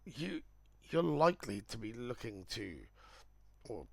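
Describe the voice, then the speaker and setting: A man with a croaky voice, talking casually and rambling while he walks through charts on a live trading stream. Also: medium pitch, sing-song, unhurried, no echo. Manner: chatty, rambling, thinking aloud. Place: indoors, air-conditioned room.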